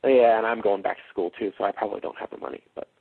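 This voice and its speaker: Male podcast host, slightly rough unclear tone, thinks aloud loosely, cheap dull-sounding microphone. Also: lowish voice, fairly even intonation. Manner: rambling, halting, thinking aloud. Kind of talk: casual unscripted podcast discussion.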